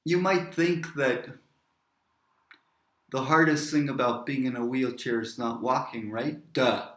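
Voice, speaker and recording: A man's voice: mid-range voice, fairly even intonation, unhurried, a bit bright. A man poet giving a reflective storytelling talk, drifting into tangents. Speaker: poet and speaker. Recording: roomy echo.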